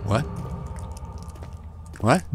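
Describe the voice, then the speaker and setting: A man's voice: drawn-out words, a little hiss or hum. A young man commentating a horror game he is playing, swearing often and yelping in panic when monsters appear. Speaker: game streamer.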